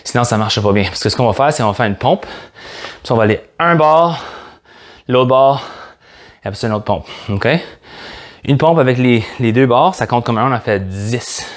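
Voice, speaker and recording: Joking Québécois fitness coach. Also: male voice, mid-range voice, animated, moderate pace, long pauses. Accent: Québécois French. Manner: upbeat, joking, counts reps aloud. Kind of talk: guided workout instruction.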